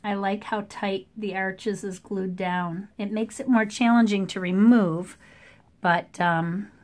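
A middle-aged woman at her art table, keeping up an easy, chatty commentary as she paints. Her voice sits at an ordinary middle pitch and is caught by a camera mic above the table. She talks things through as she goes, in plain everyday speech. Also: slow pace. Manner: relaxed, chatty running commentary. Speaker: watercolor artist. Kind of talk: thinking aloud while painting.

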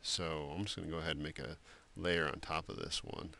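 A man giving a screen-recorded software drawing tutorial, talking loosely with many fillers and restarts. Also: a bass voice, fairly even intonation, brisk, vocal fry. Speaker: art instructor.

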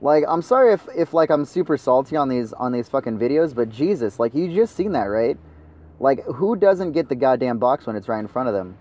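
A man's voice: medium pitch, lively intonation, fairly quick, a little mellow. A young man commenting over his own gameplay, swearing and ranting at his teammates. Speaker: gaming channel host.

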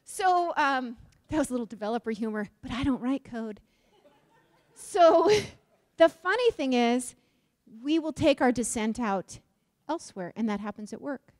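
This conference speaker from Utah has a high voice and talks a little slowly, captured in studio quality with no echo. She's lively, asking the audience questions and making jokes.

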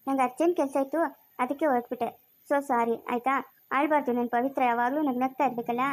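A woman playing a poor, gentle young male hotel worker who talks in a soothing, coaxing way in a family skit. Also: very high-pitched, fast. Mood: earnest. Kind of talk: amateur family skit acting.

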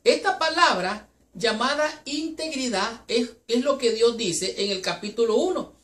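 A woman teaching a Sabbath school Bible lesson in an earnest, unhurried way, reading scripture aloud between her explanations. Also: on the high side, animated, a bit bright. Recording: echoey room.

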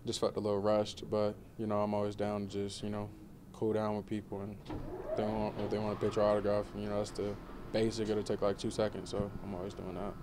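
A young man in his twenties, a college football player, answering questions in a relaxed postgame press interview, with many fillers. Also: fairly low pitch, brisk, few pauses, noisy background. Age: 20s. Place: indoor media room before a banner.

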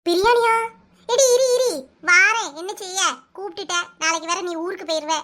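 A woman's voice: extremely high pitch, normal speed, a bit bright. A woman with a Kanyakumari Tamil accent voicing bossy, food-loving village aunties in a cartoon, scolding and teasing. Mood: eager. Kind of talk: cartoon voice acting.

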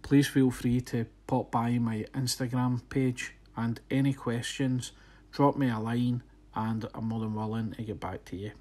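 Relaxed male photographer narrating. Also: mid-range voice, measured pace. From Scotland. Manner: relaxed, friendly, slightly hesitant. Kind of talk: casual voice-over narration. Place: voice-over, not recorded on site.

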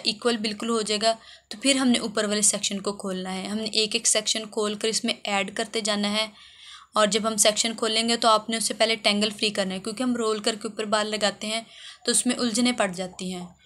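In a fairly high, fairly bright voice, a woman hairdresser delivers flat, moderately paced instructional voice-over for a how-to video. She goes through the tutorial step by step and repeats herself a lot.

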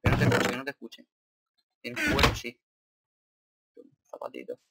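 A young man from Spain with a Spanish accent, commentating his Minecraft play in an excitable, swearing, thinking-aloud way. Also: mid-range voice, normal speed, heavy background noise. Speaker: gaming YouTuber.

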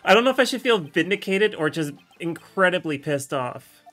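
A man with a slightly high voice streams a video game and talks over it in a casual, fed-up way. He swears nonstop and vents his frustration at the game. Faint game music plays behind him. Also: lively intonation, moderate pace, fairly bright tone. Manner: frustrated, swears constantly, venting. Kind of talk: casual let's-play commentary.

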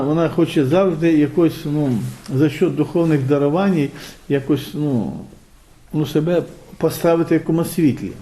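Pastor with a very dark voice, preaching. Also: male voice, on the high side. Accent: Ukrainian. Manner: conversational preaching with frequent rhetorical questions. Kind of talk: sermon.

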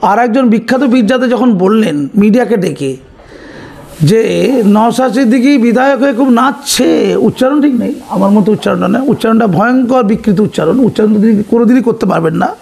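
High-pitched sarcastic man. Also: animated, quick pace, gravelly, darkish tone. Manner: sarcastic, repetitive, mocking. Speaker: political commentator. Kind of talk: impassioned political commentary.

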